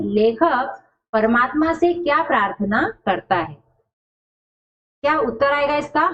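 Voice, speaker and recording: A woman teaching a school language lesson, asking questions and answering them herself, slowly repeating words to show how they are said. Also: fairly high pitch. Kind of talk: classroom lesson explaining a textbook chapter. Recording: dull lo-fi sound.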